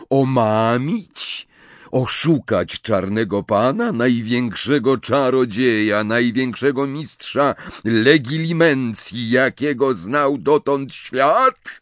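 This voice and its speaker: A man voicing a cold, sardonic middle-aged wizard who speaks calmly and with boredom. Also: mid-range voice, no echo, voice pushed up, lightly acted. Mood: cold measured. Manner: calm, bored, measured.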